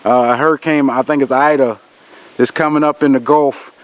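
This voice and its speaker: An outdoors channel host from Georgia chats to a tripod-mounted camera out in a country field, his talk rambling, folksy and full of fillers. He is nasal from a cold, with a medium pitch, steady tone and moderate pace, and there is no echo.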